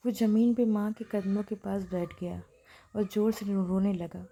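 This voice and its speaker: Brief: woman narrator, even storytelling, dark mellow timbre. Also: medium pitch, moderate pace. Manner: plain, steady narration.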